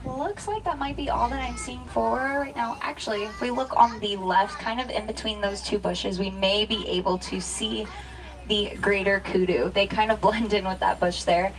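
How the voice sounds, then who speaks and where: A woman's voice: mid-range voice, steady tone, moderate pace, music in the background, low-quality recording. A woman from Texas working as a safari guide, giving welcoming scripted tour narration to riders on a truck. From Dallas, Texas. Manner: welcoming, addresses riders as friends. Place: outdoor open safari truck.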